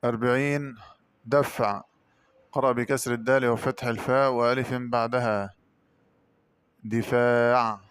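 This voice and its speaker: Smooth-voiced man teaching Quran readings. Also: medium pitch, steady tone, no room sound. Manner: brisk spoken explanations alternating with slow, drawn-out chanted words. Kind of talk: Quran recitation lesson, explaining variant readings.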